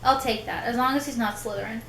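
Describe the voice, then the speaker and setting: Woman, high bright pitch, giggly and eager, roomy echo with faint hiss. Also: quick pace. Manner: enthusiastic, giggly, counting down votes. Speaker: panelist. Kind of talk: casual chat.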